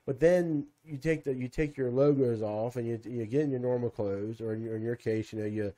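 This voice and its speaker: A man with a mellow, dark-toned voice at an ordinary pitch, co-hosting a casual podcast. He muses at length, circling his point with many fillers. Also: steady tone, brisk. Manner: rambling, many fillers and restarts, reflective. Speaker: podcast co-host.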